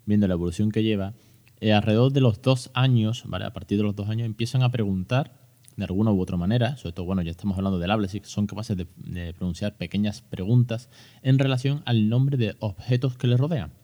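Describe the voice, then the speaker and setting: A man's voice: fairly low pitch, fast, warm tone. Chatty joking man with Spain accent. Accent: Spain Spanish. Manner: chatty and joking, with many fillers and restarts. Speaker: podcast host. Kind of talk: casual educational podcast talk.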